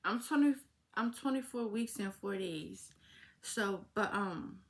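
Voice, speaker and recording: An eighteen-year-old woman chats slowly and openly with her viewers. Her voice sits at a middle pitch, and she keeps it informal and heartfelt, often calling them y'all. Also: expressive. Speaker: vlogger. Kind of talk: casual vlog Q&A. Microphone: phone.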